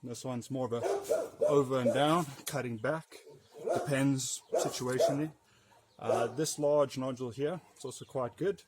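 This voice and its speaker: A man coaching martial arts conditioning in an easygoing, off-the-cuff way. His voice sits at an ordinary middle pitch. Loud background noise runs under everything he says. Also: moderate pace. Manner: practical, loose and unscripted, with fillers. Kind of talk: demonstrating and explaining training.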